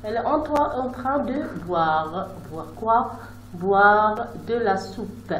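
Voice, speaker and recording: A woman teaching young children to read, sounding out syllables slowly and deliberately. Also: medium pitch, animated, a bit bright. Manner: slow, deliberate syllable-by-syllable reading. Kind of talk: slow reading lesson for young children. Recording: roomy echo with faint noise.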